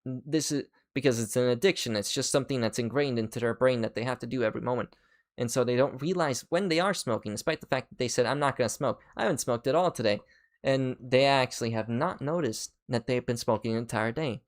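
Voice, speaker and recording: Talking fast at a medium pitch, this man rambles excitably through a casual reaction stream, cursing and starting his sentences over.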